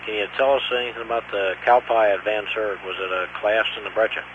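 A man's voice: fairly low pitch, steady tone, fast. A man at mission control asking short, matter-of-fact questions over a radio link. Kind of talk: radio communications, brisk questions. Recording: tinny radio link with loud hum.

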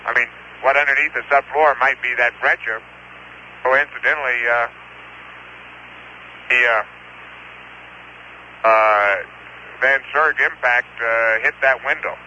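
A man describes rocks over a muffled radio channel, stopping and restarting as he thinks aloud. His voice sounds very bright and tense, with a faint hiss under it. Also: mid-range voice, fairly even intonation. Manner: halting and hesitant, many fillers and restarts. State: talking while eating. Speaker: field geologist reporting over radio.

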